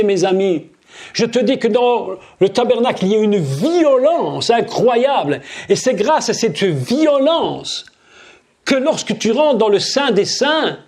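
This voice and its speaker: A man's voice: high-pitched, darkish tone. A man preaching a sermon at a seminar, emphatic, repeating key phrases and addressing his listeners directly.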